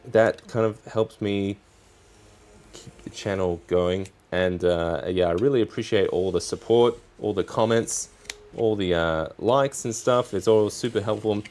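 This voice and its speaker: A man with a fairly low voice hosts a relaxed crafting stream. He talks casually and rambles, breaking his thoughts into short halting pieces. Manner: rambling, halting, trailing phrases. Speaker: streamer, crafting channel host. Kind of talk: casual livestream chat while crafting.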